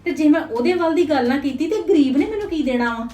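A woman's voice: high voice, lively intonation, fast, mellow. An actress with a Punjabi accent playing a greedy, scheming elder sister who bosses her husband in a village family drama. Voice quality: scornful, bossy. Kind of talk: Punjabi web drama acting.

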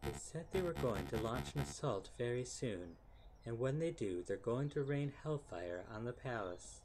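A man voicing a scheming, godless wolfish friar in a game, in a measured, conspiratorial, menacing manner. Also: mid-range voice, animated, over loud music, lightly acted, poor audio. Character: scheming, godless wolfish friar, coldly persuasive male villain. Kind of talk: reading visual novel game dialogue in character.

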